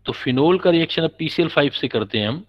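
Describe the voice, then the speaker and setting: A man's voice: on the high side, expressive, fast talker. A man teaching a chemistry class, patiently explaining and quizzing his students. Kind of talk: classroom lecture. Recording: dull lo-fi recording.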